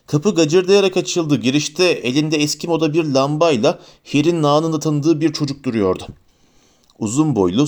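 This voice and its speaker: A man narrating a fantasy novel as an audiobook, with a steady, expressive reading. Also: fairly high pitch.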